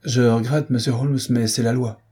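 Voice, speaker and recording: A man reading an audiobook who voices a dignified police sergeant with measured, formal, polite speech. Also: mid-range voice, fairly even intonation, warm tone, husky, voice pushed up, close to an everyday voice.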